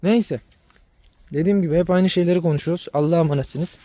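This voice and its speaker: A man's voice: fairly high pitch, fast talker, warm tone, no echo. A man vlogging to his viewers about his dogs, venting in an exasperated way and repeating himself. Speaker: dog breeder vlogger. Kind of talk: casual vlog talk to viewers.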